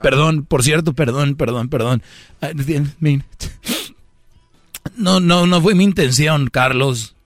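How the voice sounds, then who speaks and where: A man's voice: a little high, slow, dry recording. A man voicing a passive-aggressive, guilt-tripping young girlfriend who pleads in a sing-song voice. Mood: pleading. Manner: sing-song, mixes English and Spanish, sighing and pleading.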